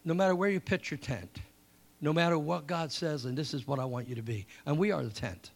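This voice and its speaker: A middle-aged Englishman with a fairly high voice and some vocal fry preaches a sermon, telling stories with animation, repeating his points, and reading scripture in a slow, drawn-out way.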